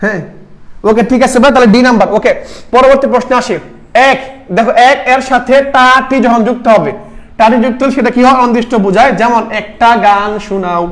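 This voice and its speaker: A man's voice: extremely high pitch, fairly even intonation, quick pace. A man, tutoring students for an admission exam in a casual lesson. He keeps quizzing them and repeating the answers. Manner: sings short song lines to make a point.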